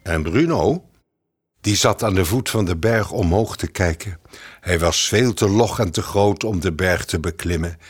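A man narrating a children's story in an expressive, storytelling manner. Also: sits low, unhurried. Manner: lively, expressive. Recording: music bed under the voice.

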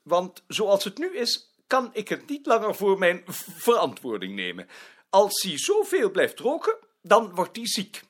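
A man's voice: sits high, wildly swooping pitch, a little slow, fairly bright tone, exaggerated voice. An actor playing a prim male office director who talks hesitantly, stammering now and then. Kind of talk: drama acting.

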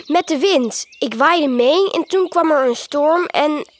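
A little lost mouse from a children's storybook speaks in a very high, squeaky voice. He sounds plaintive and childlike, small and timid. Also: slow pace.

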